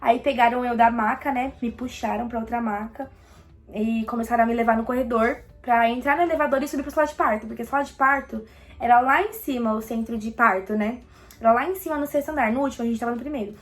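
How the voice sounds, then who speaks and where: Young brazilian girl telling her story, kinda high voice, acts out the quotes. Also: quick pace. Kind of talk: casual storytelling vlog.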